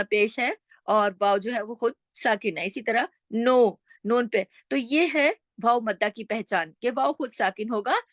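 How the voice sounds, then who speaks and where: Woman teaching quran reading, slightly high voice, patient, keeps repeating stuff, dry close mic. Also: dry recording. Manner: patient, repeats and asks questions to the viewer. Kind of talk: online tajweed lesson.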